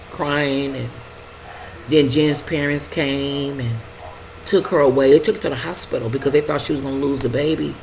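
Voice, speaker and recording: Low-voiced older woman telling a personal story. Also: slight background noise, rough recording. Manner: halting, repeats herself, acts out her own reactions. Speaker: vlogger sharing a personal testimony.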